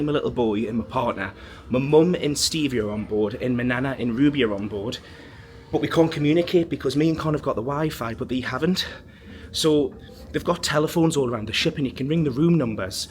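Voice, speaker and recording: Again on the cruise ship's decks and hallways, the young vlogger talks casually in a medium-pitched voice, laughing often, teasing himself and occasionally getting winded. A little hiss or hum sits in the recording.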